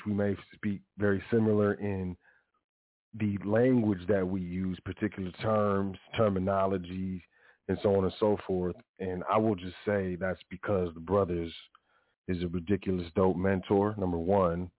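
A podcast host with a deep voice delivers a rambling, casual monologue on his own show, constantly restarting, correcting himself and saying "you know." The recording is dry with no echo and sounds narrow, almost like a phone line.

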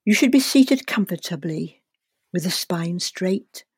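Slow, calm woman guiding a meditation. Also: on the low side, husky, no room sound, clean studio sound. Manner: calm, soothing, deliberate with long pauses. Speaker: guest leading a guided meditation. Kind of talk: guided relaxation and visualization.

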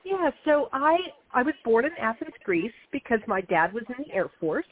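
A woman's voice: on the high side, very animated, moderate pace. A woman in her fifties, an author guest, talking frankly and energetically in an interview conversation. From United States (Ohio, North Carolina). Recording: tinny phone line.

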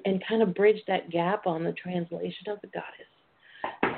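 An American woman hosting a casual phone-in talk show in a sassy, playful, chatty way. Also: medium pitch. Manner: sassy, playful, uses endearments like darling and honey. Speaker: talk show host and intimacy coach. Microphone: telephone. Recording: tinny phone line with clear noise.

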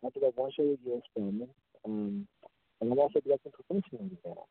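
A man's voice: mid-range voice, very animated, fast, vocal fry, husky, no room sound. A man calling in as a guest over a phone line, chatting casually and chuckling. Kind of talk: casual chat. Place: indoors by a window.

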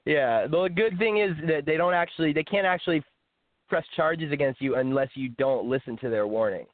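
A man's voice: a little high, a little fast, no room sound. A young man talking frankly as an author and guest in a casual interview, with the odd small laugh. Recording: dry, phone-like line.

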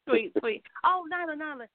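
A woman's voice: very high-pitched, no echo. A woman calling into a radio show over a phone line, cheerful and giggly. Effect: call-in voice over a phone line.

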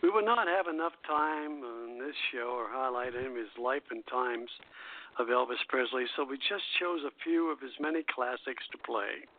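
Hosting a nostalgic radio program, this older man alternates between reading from a script and chatting casually, speaking at medium pitch and a moderate pace. It's captured as narrow phone-line radio audio.

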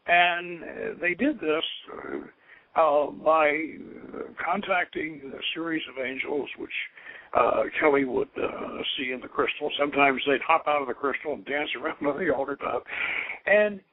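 A man with a voice on the high side hosts an occult radio program, rambling and pausing as he informally explains topics like a scholarly storyteller. The sound is narrow and tinny, as if over a phone.

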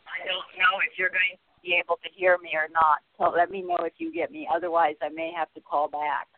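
A woman's voice: fairly low pitch, animated. Woman caller on a tinny phone line. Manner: halting, searching for words. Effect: tinny, distant phone line, as if inside a tin can. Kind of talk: call-in radio talk.

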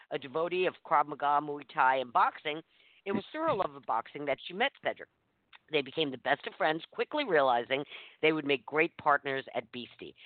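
A man with a fairly high voice hosts an interview programme, introducing and questioning guests. The audio is thin and phone-like, very dry, with little sense of a room. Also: dry recording. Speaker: radio show host. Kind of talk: scripted introduction and casual interviewing.

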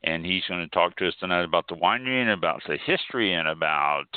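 A man's voice: sits low, quick pace, clear, resonant tone. A man hosting a live radio wine show, chatting casually and laughing now and then. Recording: phone-line sound.

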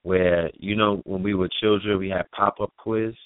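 Man in his forties, very low voice, laid-back host, tinny phone sound, dry. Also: steady tone, moderate pace, no echo. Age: 40s. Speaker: radio show host. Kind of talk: casual radio talk. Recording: dry phone-line call audio.

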